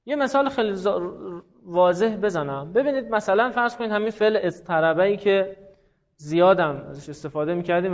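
Animated high-voiced male teacher. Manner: animated, praises students, repeats examples slowly. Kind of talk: classroom lesson on Arabic morphology. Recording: dull lo-fi classroom recording.

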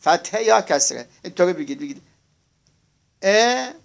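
A man teaching a grammar lesson to a class. His voice sits high and carries a gravelly edge, and he stretches out each word he spells while checking that his students follow along. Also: expressive. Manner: slow, drawn-out spelling of words, asks class to confirm.

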